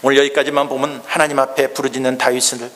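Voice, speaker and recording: A man preaching a Sunday sermon as pastor, repeating key phrases and acting out mocking voices, swinging from loud to hushed. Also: mid-range voice, little pitch movement, fast, long reverb tail, poor audio. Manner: acts out mocking enemies in quoted speech. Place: church sanctuary.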